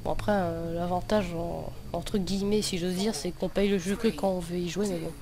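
With crowd noise behind him, this young gaming host speaks in a high voice at an ordinary speed, his intonation fairly even. He rambles hesitantly over the gameplay, correcting himself as he goes, and a lisp blurs his s sounds. The recording carries noticeable background noise.

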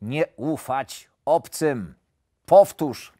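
A man voicing a grumpy, impatient wolf in a storybook, scolding slowly and sternly. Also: medium pitch, big pitch swings, no room sound, studio quality, exaggerated voice. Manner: gruff, scolding, slow and stern. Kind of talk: audiobook character voice.

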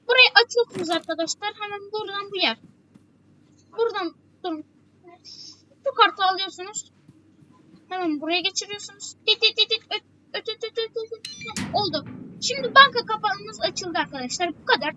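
A woman's voice: very high-pitched, bright, forceful tone, highs cut off, a little hiss or hum. A woman giving a chatty game walkthrough, repeating her warnings again and again. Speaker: gameplay walkthrough host. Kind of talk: casual game tutorial commentary.

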